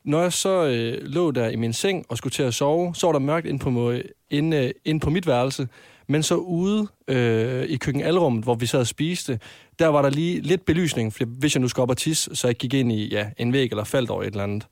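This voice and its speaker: A man's voice: medium pitch, darkish tone, no room sound. Guy telling his own childhood memory, lots of ums, mid voice, dry mic. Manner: reacts with short agreements, then tells his own memory with hesitations. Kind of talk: casual chat.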